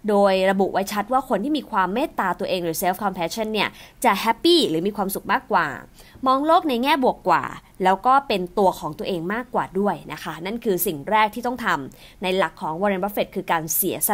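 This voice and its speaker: A young adult woman hosting a personal-finance podcast, explaining ideas politely and mixing in English terms. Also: medium pitch. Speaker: podcast host. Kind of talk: informative podcast talk.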